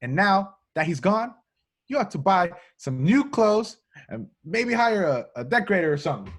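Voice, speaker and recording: Guy doing brash young rookie agent at a table read, incredulous, raspy, a bit high. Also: big pitch swings, normal speed, a bit bright, heavily acted. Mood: indignant. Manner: incredulous, informal. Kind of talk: amateur script table read.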